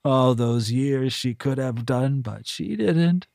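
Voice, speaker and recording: A narrator voicing a pompous, bitter middle-aged woman high priestess who talks in a haughty, drawn-out sneer. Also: gravelly, a little mellow, no echo, studio quality. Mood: scornful.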